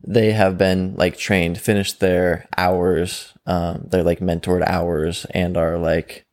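Speaking slowly in a deep, level, slightly mellow voice, a young mental performance coach settles into an easygoing conversational interview. He laughs a lot and fills pauses with "like" and "um."

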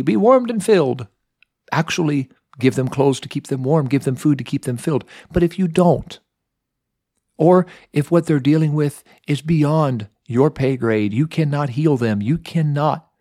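A man's voice: mid-range voice, a little mellow, no room sound, clean studio sound. A man hosting a Bible lesson podcast, teaching expressively, shifting his pace for emphasis and acting out the quotes.

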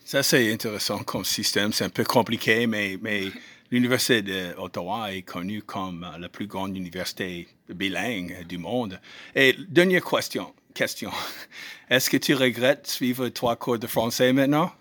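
A man's voice: lowish voice, normal speed, a bit bright. A man interviewing students on a university campus, talking in a hesitant, conversational way with frequent fillers. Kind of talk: on-the-street interview. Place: university campus, busy common area. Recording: crowd chatter behind.

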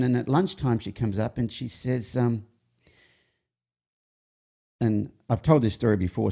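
Medium-pitched and warm, with vocal fry and a breathy edge, this man hosts a casual talk. A horse trainer and show host, he rambles through jokey horse-training stories in conversational style, often stopping to begin his sentences again.

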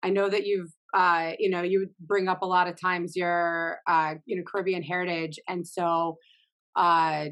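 A woman hosts a casual interview with a voice a little low in pitch. She asks her questions conversationally and pads them with easy fillers and hedges. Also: fairly bright tone.

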